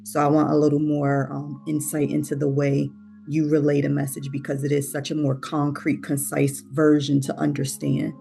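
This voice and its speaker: An attendee speaks up on a video call, pausing often while giving thanks. The voice is deeply gravelly and dark. Faint music runs in the background. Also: monotone. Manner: hesitant, with many "um" pauses. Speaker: study group attendee. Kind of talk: casual thank-you remarks.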